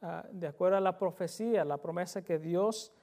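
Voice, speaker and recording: A male preacher delivers a sermon in a voice pitched well above most men's. He speaks earnestly and with emphasis, circling back over key phrases. He often turns to his listeners with direct questions. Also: moderate pace, mellow.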